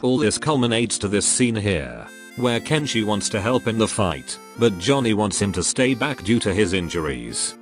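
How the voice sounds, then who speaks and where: A man's voice: lowish voice, very animated, normal speed, soft background music. A man narrating a scripted video game story review in a blunt, joking, sweary way.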